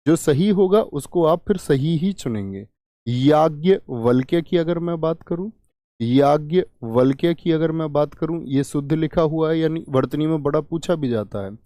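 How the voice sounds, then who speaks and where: Man, Hindi teacher, asks and answers himself, somewhat high voice, mellow tone, dry room. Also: unhurried, no echo. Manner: asks and answers his own questions, repeats key words. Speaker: Hindi teacher for exam prep. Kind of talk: live online class.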